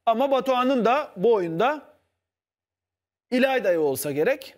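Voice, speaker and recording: A man with a high voice that jumps all over the place, arguing hard on a studio panel show. He keeps pressing his point and turns to the viewers to back him up. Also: very animated, moderate pace. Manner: insistent, argumentative, appeals to the viewers. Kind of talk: heated TV panel debate.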